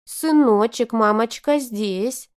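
A woman's voice: a little high, slow, pitched above the performer's own voice. A woman playing shrieking scheming ex-lover. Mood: shrill, indignant. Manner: shrieking, indignant.

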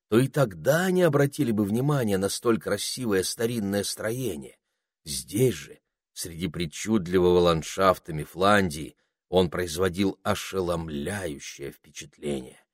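Deep male audiobook narrator, steady and descriptive, dry sound. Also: husky, no room sound. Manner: measured, descriptive. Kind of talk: scripted storybook narration.

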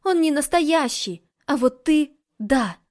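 A woman reading a passionate young heroine, blunt and impatient, with a high voice pushed upward in emphasis. She speaks straight out and presses every point. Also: lively intonation, slow, a little mellow. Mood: exasperated. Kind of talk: audiobook dialogue reading.

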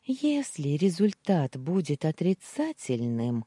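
A woman's voice: low-pitched, big pitch swings, takes it slowly, mellow, slightly rough, no echo, studio quality, full character voice. A woman voicing a bitter, scornful young wife of twenty-one who talks sharply and hisses her demands. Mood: cold, demanding.

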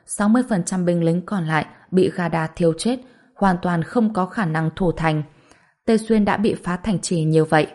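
A woman reading a serialized story as narrator, in a steady, even scripted delivery. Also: on the low side, moderate pace.

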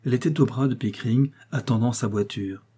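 Guy reading an old novel aloud, calm and measured, husky mellow voice. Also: mid-range voice. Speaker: audiobook narrator. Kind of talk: scripted first-person novel narration.

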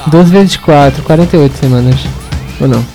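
A laid-back man co-hosting a community radio show, chatting casually and sending shout-outs to listeners. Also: fairly high pitch, fairly quick, soft background music, low-quality recording.

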